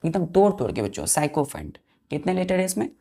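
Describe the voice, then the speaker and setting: Slow, gravelly-voiced woman teaching vocabulary. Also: low-pitched, big pitch swings, dark tone. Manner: slow, spells words letter by letter and repeats answers; asks pupils questions and answers them herself. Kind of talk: vocabulary lesson for students.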